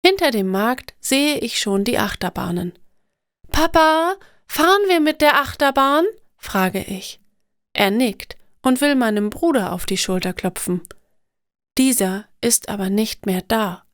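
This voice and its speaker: A woman narrating stories for language learners in a slow, clear, deliberate scripted reading. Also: medium pitch, no room sound, studio quality.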